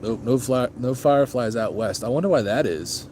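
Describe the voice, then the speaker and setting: With a medium-pitched, mellow voice at normal speed, a man animatedly hosts a casual motorcycle vlog, reading live chat and loosely answering viewers' questions with many ums and restarts. Raised moving around as an Army child, he's recorded with a little hiss or hum.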